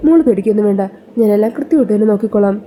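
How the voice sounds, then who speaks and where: A caring sister-in-law, as a woman storyteller puts her on speaks in a soothing, reassuring way. Her tone is mellow and dark, and she talks gently through the serial scene. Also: medium pitch, racing, slight background noise, lightly acted. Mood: consoling.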